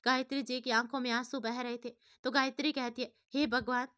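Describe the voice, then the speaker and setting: A woman storyteller reads a family drama aloud. Her voice is high and bright, and her reading is steady and expressive. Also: fairly quick, smooth. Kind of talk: scripted story narration.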